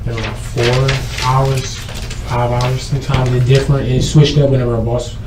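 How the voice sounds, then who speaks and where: A man's voice: medium pitch, little pitch movement, normal speed. A jittery man being questioned by police as a suspect, answering defensively and often repeating and restarting his phrases. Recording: echoey room, distant mic, faint noise.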